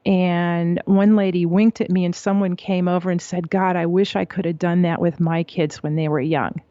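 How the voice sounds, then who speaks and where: Middle-aged woman telling a story on a podcast, lowish voice, dry muffled sound. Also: normal speed, no echo. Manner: animated storyteller, acts out quotes. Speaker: guest psychologist. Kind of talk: conversational interview storytelling.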